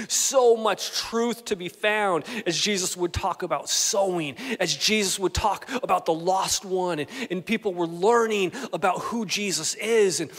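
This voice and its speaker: A man, a pastor, giving an animated, playful, conversational sermon with asides to the congregation. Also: sits high. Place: church sanctuary. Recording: long hall reverb in a church.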